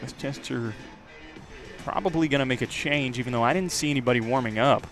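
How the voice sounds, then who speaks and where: An American man calls a baseball game live on the radio, staying measured between plays and growing louder when the action hits. His voice is medium in pitch, with faint music in the background.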